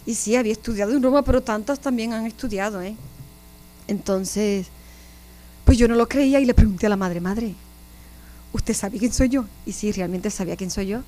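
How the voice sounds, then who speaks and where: Warm-voiced Puerto Rican nun. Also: female voice, mid-range voice, fairly quick. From Puerto Rico. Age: 50s. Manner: animated storyteller, often addresses listeners directly. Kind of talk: personal testimony in an interview.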